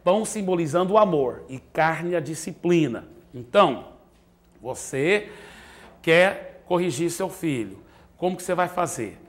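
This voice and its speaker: A Brazilian pastor teaching parents from the pulpit, his voice sitting high and leaping around in pitch. He acts out little scenes between a father and his child, then drops to a hushed, intimate tone before climbing back to loud emphasis. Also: lively intonation, unhurried. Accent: Brazilian Portuguese. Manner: acts out parent and child dialogue, swings from loud emphasis to soft quiet asides. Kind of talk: sermon-style teaching.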